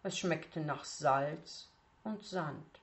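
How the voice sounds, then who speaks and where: A woman's voice: sits low, very slow. A woman reading a story aloud, acting out the dialogue with expression. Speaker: reader. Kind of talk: audiobook narration.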